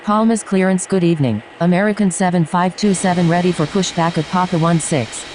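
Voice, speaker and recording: A woman's voice: fairly low pitch, brisk, a little mellow, a little hiss or hum, low-quality recording. A woman giving clipped, scripted aviation calls over a pilot headset radio. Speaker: air traffic radio voice.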